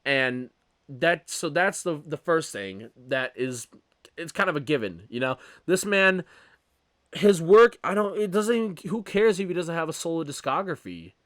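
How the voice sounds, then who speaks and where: A young man hosting his own podcast, talking casually and rambling with frequent self-corrections and animated opinions. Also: a little high, normal speed, dry recording, clean studio sound. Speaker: podcast host. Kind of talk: casual solo podcast commentary.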